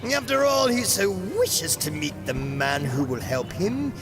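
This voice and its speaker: A man's voice: a little high, big pitch swings, a little slow. A man playing a gleeful, maniacal supervillain in an audio drama, mocking and theatrical, drawing out his words between cackles. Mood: playful taunting. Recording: loud music under the voice.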